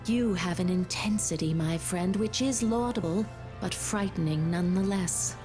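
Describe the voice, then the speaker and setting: A wary, earnest game heroine played by a woman. Her voice is on the low side and formal, over clear background music. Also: moderate pace, lightly acted. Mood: wary admiration. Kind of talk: video game voice acting. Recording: music behind the voice.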